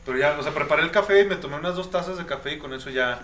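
A man's voice: a little high, racing. A man with a Mexican accent, co-hosting a podcast, slangy and teasing. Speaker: podcast co-host. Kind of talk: casual chat, storytelling. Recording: echoey room with loud background noise.

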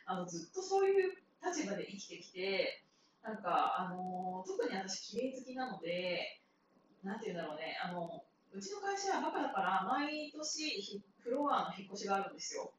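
A woman's voice: medium pitch, very animated, normal speed. A woman in her thirties talking casually on her own, rambling and chatty and often laughing. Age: 30s. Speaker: podcaster. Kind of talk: casual solo talk. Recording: very echoey room, far from the mic, with noisy background.

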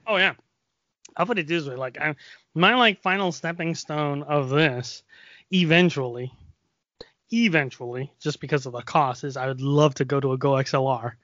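Nasal, higher-voiced man chatting loosely. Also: moderate pace, sharp tone, dry recording, muffled recording. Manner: rambling, loose storytelling with many fillers. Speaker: podcast co-host. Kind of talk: casual chat. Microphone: XLR microphone.

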